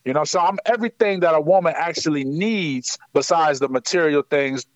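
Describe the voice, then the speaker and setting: A man from Ohio with a high voice, talking in a lively, slangy way. He tells stories with a loose swagger, full of "you know what I'm saying." The sound is dry and close, with no room around it. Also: fairly quick, dry recording, highs cut off. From Akron, Ohio. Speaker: guest musician. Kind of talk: casual interview by phone. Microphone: phone line.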